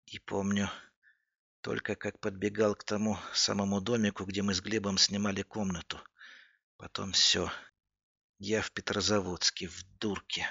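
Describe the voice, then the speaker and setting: A haunted young survivor, as a male narrator puts him on, speaking low and subdued. The gravelly, husky voice sits in a dull lo-fi recording. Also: little pitch movement, normal speed, bright, forceful tone, no room sound, heavily acted. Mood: weary. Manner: subdued, weary confession.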